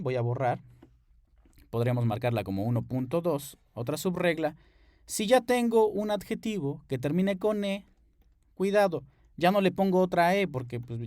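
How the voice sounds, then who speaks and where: A man's voice: fairly high pitch, darkish tone, dry recording, studio quality. A man teaching an English grammar lesson at a board, patient, explaining rules step by step and checking in with his students.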